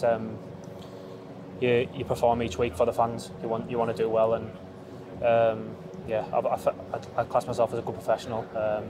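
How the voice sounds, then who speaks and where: A man's voice: medium pitch, noisy background. A young man in his twenties giving a post-match interview as a footballer, hesitant with many ums and restarts, recorded outdoors in empty stadium stands on a handheld phone. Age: 20s. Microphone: handheld phone held up close.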